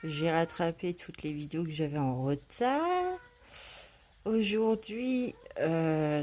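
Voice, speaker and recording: Slow, chatty French-speaking woman vlogger. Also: lowish voice, darkish tone. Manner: hesitant, many fillers, chatty. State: just woken up. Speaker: coloring vlogger. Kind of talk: casual vlog chat. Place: at home. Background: cat meowing.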